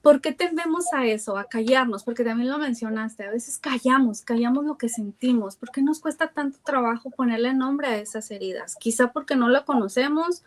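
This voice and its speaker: A woman's voice: a little high, normal speed, hardly any pauses. A woman hosting a podcast interview, asking long reflective questions with frequent fillers. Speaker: podcast host. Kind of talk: conversational interview.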